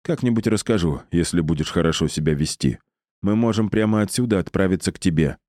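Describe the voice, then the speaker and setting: A man's voice: low voice, brisk, a little mellow, no room sound, clean studio sound, natural voice. A man reading an audiobook voices a young male wizard, wry and offhand.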